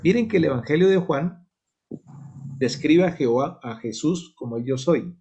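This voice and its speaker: A man's voice: fairly high pitch, lively intonation, moderate pace, mellow, husky. Colombian man teaching a Bible class. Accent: Colombian Spanish. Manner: explanatory, asks "¿sí?" to check understanding. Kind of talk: church Bible study lesson.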